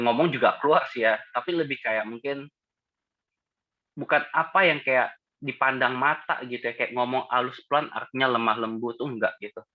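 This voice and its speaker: Man leading a casual Bible study. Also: mid-range voice. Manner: conversational, asks the group questions. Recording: dull lo-fi audio.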